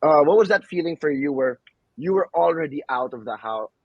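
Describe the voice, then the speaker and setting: Male podcast host, husky and casual, dull lo-fi dry sound. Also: fairly high pitch, animated, a little fast, no echo. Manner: laid-back, peppers speech with bro and man. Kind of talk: casual interview chat.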